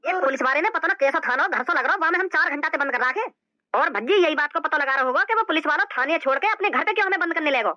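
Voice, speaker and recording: A woman's voice: high-pitched, rapid-fire, sharp tone, dry recording, dull audio. A woman voicing a flustered rustic father in a cartoon who rambles as he talks.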